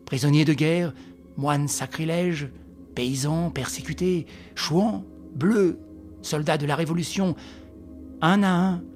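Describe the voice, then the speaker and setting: A man reading a novel aloud as audiobook narration, in a grave, measured storytelling manner. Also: fairly high pitch, faint music behind. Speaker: reader.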